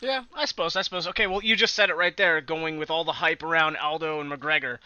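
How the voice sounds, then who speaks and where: Bright, animated man talking fights. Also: fairly high pitch, clear, resonant tone, muffled recording. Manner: animated, swearing, quick laughs. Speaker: podcast co-host. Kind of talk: casual sports chat.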